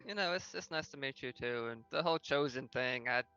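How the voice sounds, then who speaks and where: A player voicing an awkward, unsure teenage outcast in a tabletop game, speaking haltingly. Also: medium pitch, pushed and bright, smooth, highs cut off, faint music behind. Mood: reflective, unsure. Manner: halting, hesitant. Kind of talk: in-character tabletop roleplay.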